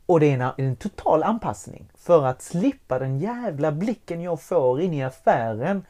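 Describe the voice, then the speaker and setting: A man telling a personal story in a conversation, candid and animated, swearing freely as he goes. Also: fairly high pitch. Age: adult with young child.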